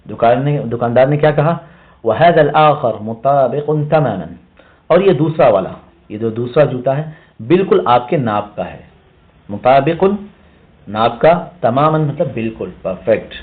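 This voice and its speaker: A male language teacher explaining a reading passage line by line, repeating words and asking himself questions. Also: medium pitch. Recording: tinny phone-like sound.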